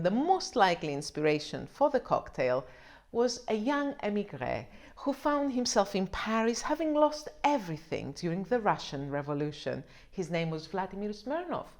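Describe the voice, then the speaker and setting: A woman's voice: mid-range voice, a little mellow. A woman presenting a drinks vlog in a scripted explainer style, with wry, playful asides. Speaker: wine vlogger.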